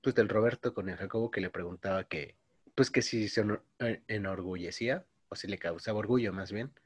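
A man in his twenties with a Mexican Spanish accent tells a long story in casual slang. His voice sits fairly low. The sound is dry and close, with no room around it. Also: fairly quick, husky, dry recording. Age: 20s. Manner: slangy, says "güey" constantly, storytelling. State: coughing. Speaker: podcast co-host. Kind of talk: casual chat.

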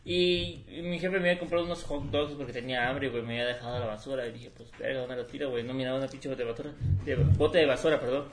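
A man's voice: mid-range voice, steady tone, fast, hardly any pauses. A young man with a Mexican accent, chatting in a slangy, laid-back way on a podcast. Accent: Mexican Spanish. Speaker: podcast co-host. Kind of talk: casual chat.

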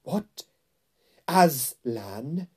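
A cruel storybook witch queen, as a man acts her out. She is imperious and threatening, stretching her words out very slowly. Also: medium pitch, animated, mellow. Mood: shocked, threatening. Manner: slow, drawn-out, threatening. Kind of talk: storybook character voice.

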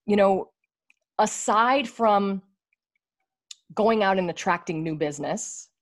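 A woman's voice: mid-range voice, slow. A woman hosting a podcast interview, conversational and encouraging, with frequent affirmations. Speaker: podcast host, salon business coach.

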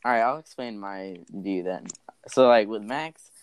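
A man's voice: on the low side, a little slow, smooth, dry recording, poor audio. A teenage boy chatting casually with friends over an online voice call, laid-back and laughing often. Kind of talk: casual chat among friends.

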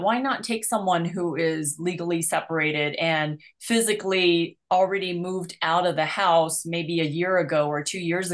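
Lower-pitched woman interviewing. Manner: affirming, paraphrases the guest before asking. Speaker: interviewer, show host. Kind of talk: conversational interview.

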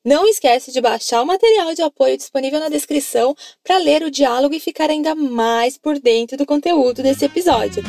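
A woman's voice: sits high, brisk, vocal fry, few pauses, darkish tone, no echo, soft background music. A woman with a Brazilian Portuguese accent teaching an Italian lesson, coaxing listeners to repeat phrases after her. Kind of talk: language lesson narration.

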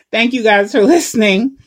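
Woman host, loose storytime monologue, swears freely and laughs through it. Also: a little high. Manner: profane, laughing, rambling with many fillers.

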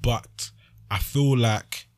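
A man's voice: medium pitch, drawn-out words. A young man with a London accent in casual podcast chat, slangy and emphatic, often repeating his phrases. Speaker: podcast panelist.

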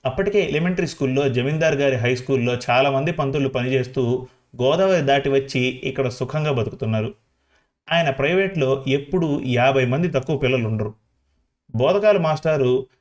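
A man's voice: medium pitch, a little mellow, lightly acted. A man voicing a folksy villager who chats directly to the listener. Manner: folksy, chatty, talks straight to the listener. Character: chatty rustic villager addressing the listener.

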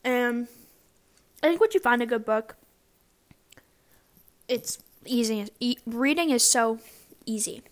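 Chatty woman with a higher voice. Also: slow, pauses often. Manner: rambling, filler-heavy, lots of "like" and restarts. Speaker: student vlogger. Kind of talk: casual chat to camera.

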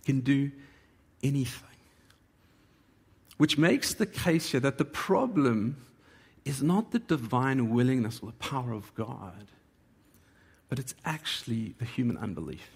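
A man's voice: medium pitch, animated, unhurried, long pauses, slightly rough. A man preaching a sermon in a conversational way, acting out the people he quotes, recorded in a large hall. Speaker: pastor. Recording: long hall reverb.

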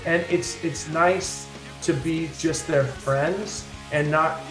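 A man's voice: a little high, fairly even intonation, slow, echoey room, music in the background. A man in his fifties, a guest on a podcast, talking in an earnest, upbeat, reflective way in casual conversation. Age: 50s. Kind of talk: casual interview chat.

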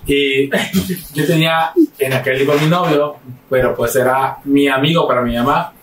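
A man's voice: mid-range voice, steady tone, moderate pace, a bit bright. A young Mexican man casually telling a story among friends on a podcast, acting out his family with shrieking voices. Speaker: podcast host. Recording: echoey room, distant mic, faint noise.

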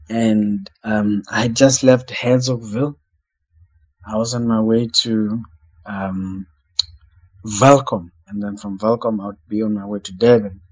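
South african guy preaching, husky mellow voice, keeps repeating lines to drive it home. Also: mid-range voice, low-quality recording. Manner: earnest, repeats phrases for emphasis. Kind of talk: sermon.

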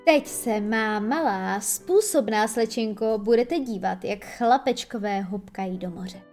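A woman with a medium-pitched, somewhat dark voice plays a cruel, theatrical male pirate captain, lightly acted over soft background music. Her menace comes out cold and mocking, delivered slowly and drawn out, then broken by sudden bellows.

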